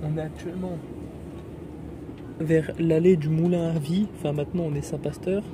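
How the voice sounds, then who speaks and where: A young man with a slightly high voice chats casually as he vlogs, excitable and full of slang. He jokes freely, and loud vehicle noise runs all through the recording. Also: normal speed. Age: young adult. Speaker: vlogger. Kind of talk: casual chat to camera and friend. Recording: noisy vlog audio with loud vehicle rumble.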